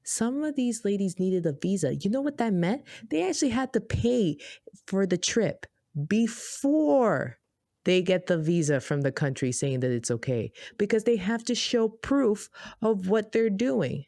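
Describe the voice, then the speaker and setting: Animated woman from Boston, lively pitch. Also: unhurried, no echo, clean studio sound. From Boston, USA. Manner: animated, emphatic, storytelling. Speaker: podcast co-host. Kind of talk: casual podcast chat.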